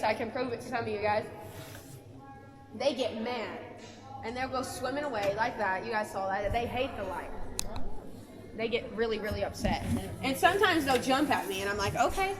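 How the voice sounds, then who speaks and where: A young woman leads a chatty, casual guided tour from a boat on an underground lake inside a large cave, calling the group "guys." Her voice is on the high side and fairly quick, with a crowd in the background and a long, echoing reverb from the cave.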